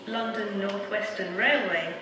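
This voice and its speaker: Woman's announcement over a station loudspeaker. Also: mid-range voice, a crowd in the background. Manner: measured, formal, evenly paced. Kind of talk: automated platform announcements. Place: railway station platform, outdoors. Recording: echoey, distant, noisy platform. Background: passing train and station noise.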